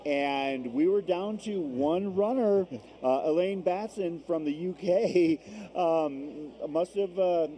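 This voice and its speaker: A man's voice: on the high side, slow pace, warm tone. A man hosting a live stream of an endurance race, giving conversational commentary. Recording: faint background noise from gym. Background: gym with runners gathering.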